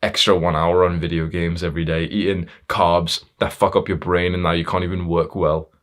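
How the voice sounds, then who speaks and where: A man with a very low voice delivers a hard-edged motivational monologue. He talks straight at the listener, swearing freely and pushing harder as he goes, tripping over fillers and restarts along the way. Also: level tone, fairly quick, a bit bright. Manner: blunt, confrontational, heavy swearing; fillers and self-restarts, building intensity. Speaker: motivational speaker.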